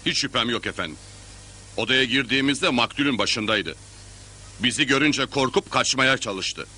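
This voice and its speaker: An actor playing a deferential but insistent innkeeper, speaking formally and pressing an accusation in a period drama. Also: male voice, medium pitch, moderate pace, bright, forceful tone, slightly rough. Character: insistent, deferential male innkeeper accusing before his governor.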